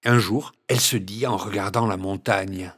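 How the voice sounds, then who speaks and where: A man reading a classic children's story aloud, expressive, with dramatic swings in his delivery. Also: fairly low pitch, moderate pace.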